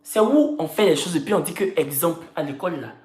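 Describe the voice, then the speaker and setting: A woman's voice: fairly low pitch, expressive, fast talker, a little mellow. A woman chatting casually on a live stream, teasing and repeating her phrases in a playful, joking way. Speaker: social media personality. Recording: roomy echo.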